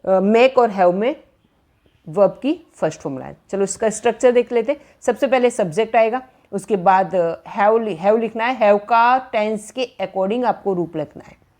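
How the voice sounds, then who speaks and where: Here is a woman teaching grammar in a lecture style when she says the words. She talks slowly and patiently, stressing each example sentence word by word. Her pitch sits in the middle for a woman. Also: lively intonation, a little mellow. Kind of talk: classroom-style lecture in Hindi.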